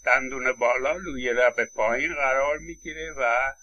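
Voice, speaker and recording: A man's voice: medium pitch, bright, forceful tone, lo-fi sound, a little hiss or hum. A man giving a university phonetics lecture, explaining step by step with frequent hesitation fillers and modeling vowel sounds aloud.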